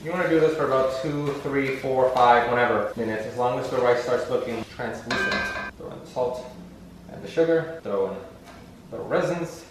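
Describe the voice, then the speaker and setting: A man's voice: mid-range voice, moderate pace. A man hosting a casual, rambling home recipe video, talking playfully with dry, self-deprecating asides. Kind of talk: casual, rambling cooking demonstration. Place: indoors at a stove, echoey room. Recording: echoey, distant mic with faint noise.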